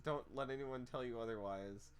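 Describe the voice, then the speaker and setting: Over a loud crowd, a man hosts a live tabletop game stream, chatting casually with players and making jokes at his own expense. His voice is mid-range and his pace moderate.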